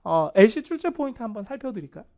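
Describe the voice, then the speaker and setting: High, lively male English teacher. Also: fast talker. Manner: animated, playful and self-mocking. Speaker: English test instructor. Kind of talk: video vocabulary lecture.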